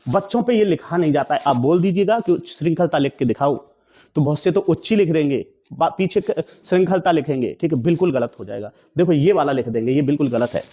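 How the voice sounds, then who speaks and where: Here a male teacher whose voice is fairly high, dark, and husky drills exam candidates on correct spelling. Asking and answering his own rhetorical questions, he repeats every word a few times with heavy stress.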